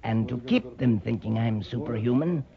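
A man's voice: medium pitch, moderate pace, creaky, crowd noise, natural voice. A man playing a scheming villain magician in an old radio adventure, pompous and wordy. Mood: smugly scheming. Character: smooth-talking, scheming villain stage magician. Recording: dull lo-fi old radio, distant sound.

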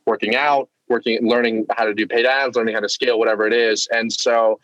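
A man's voice: mid-range voice, level tone, fairly quick, fairly bright tone, no room sound, low-quality recording. A young man speaking as an interview guest about business, in an emphatic, driven, motivational way. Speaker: guest entrepreneur. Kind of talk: casual interview talk.

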